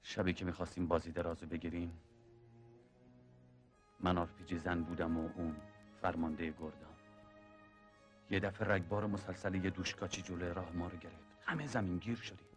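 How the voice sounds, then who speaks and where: A seasoned soldier speaks in a very low, steady voice, as an actor plays him. He tells his stories in a calm, measured way. Faint film music plays underneath. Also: natural voice. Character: seasoned male war veteran, steady mentor. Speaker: older soldier in war film.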